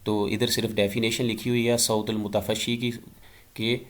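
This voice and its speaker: Low-voiced man teaching Arabic sounds slowly. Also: little pitch movement. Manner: explains slowly, drawing out letters and Quranic words to demonstrate sounds. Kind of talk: exam-prep lecture.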